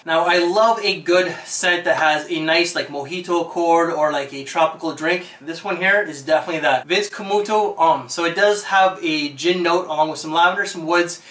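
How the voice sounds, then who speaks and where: An enthusiastic man talks through his favorite fragrances in a relaxed, chatty vlog. His voice sits high and sounds bright. The room around him rings with noticeable echo. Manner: enthusiastic, chatty, lots of fillers. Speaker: fragrance reviewer. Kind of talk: casual video review.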